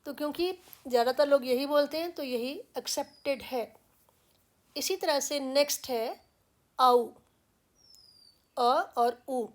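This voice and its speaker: A woman's voice: high voice, moderate pace. A woman from India with an Indian English accent, teaching English pronunciation patiently and repeating example words with care.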